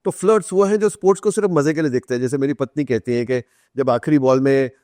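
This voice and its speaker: In a podcast interview, a middle-aged Indian author tells stories and explains things in a conversational way, slipping English phrases into his speech. He has a medium-pitched, mellow voice and a quick pace. The audio is clean studio sound with no room sound.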